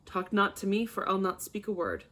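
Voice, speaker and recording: A woman's voice: medium pitch, moderate pace, fairly bright tone, natural voice. A woman reading a stern noble mother with curt lines. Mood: cold.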